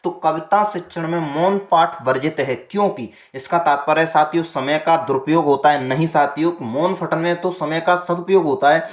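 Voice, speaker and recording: A man teaching an exam-prep lesson, working through multiple-choice questions one at a time, with a slightly raised pitch. He keeps addressing his listeners as companions and repeats each answer slowly. The room is roomy and echoey. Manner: repeats the answer twice, slow and deliberate.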